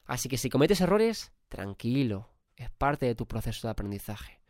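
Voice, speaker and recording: A man's voice: medium pitch, big pitch swings, moderate pace, a little mellow, no room sound, clean studio sound. Spanish man with a cold, motivating. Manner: emphatic, casual swearing. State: has a cold. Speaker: podcast host. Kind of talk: motivational podcast monologue.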